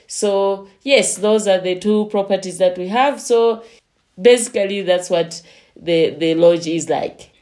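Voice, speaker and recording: A woman from Zambia, a lodge manager, talking slowly with many pauses as a guest in a remote interview. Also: medium pitch, a little mellow. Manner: slow, unhurried, with frequent pauses.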